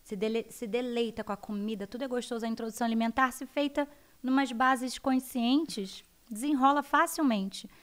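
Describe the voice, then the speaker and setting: Animated Brazilian woman explaining. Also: a little high, moderate pace. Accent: Brazilian Portuguese. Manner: animated, acts out her children's voices. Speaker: guest, integrative child educator. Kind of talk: explanatory interview talk.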